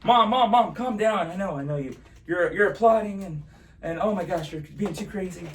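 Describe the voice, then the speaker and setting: A man's voice: high voice, moderate pace, fairly bright tone. A man talking like a kids party magician, playful and chatty as he presents a live magic show and addresses viewers as guys. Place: at home in an apartment. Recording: distant mic, noisy room ambience.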